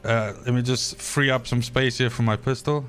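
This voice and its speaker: With faint music behind him, a man's fairly bright, mid-range voice keeps a fairly even intonation at a moderate pace. He's a South African Afrikaans speaker chatting to his audience during a live gameplay stream, rambling along and cursing freely.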